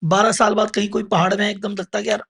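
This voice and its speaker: Man, podcast host, fast talker, gravelly husky voice, eager questions. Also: high-pitched, level tone, a bit bright. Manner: eager, quick questions, finishes the guest's sentences. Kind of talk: interview questions.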